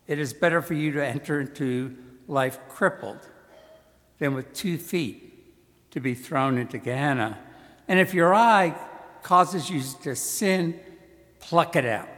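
A man, a priest, proclaiming a gospel reading in a slow, measured way, his voice ringing with cathedral echo in a large church. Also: medium pitch, a bit bright. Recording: long church reverb.

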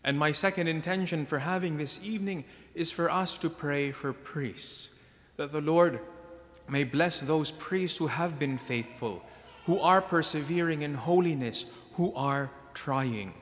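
In a large hall with long church reverb, a priest's slightly high-pitched, fairly bright voice echoes and fades after every phrase. He reads scripture and preaches with measured solemnity, as in a liturgical reading and homily.

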